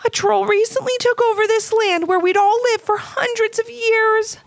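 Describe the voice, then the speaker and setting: A woman doing a squeaky, worried little forest guide. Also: steady tone, normal speed, vocal fry, no room sound. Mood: earnest. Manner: breathless, dramatic whispering. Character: small worried male forest guide, dramatic and anxious.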